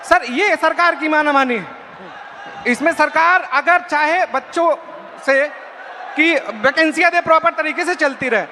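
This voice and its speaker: Emphatic high-voiced young man, noisy hall. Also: unhurried, bright, forceful tone. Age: young adult. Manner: emphatic, raised voice, deferential address. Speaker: student job aspirant. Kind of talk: earnest public testimony. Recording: noisy hall with long echo.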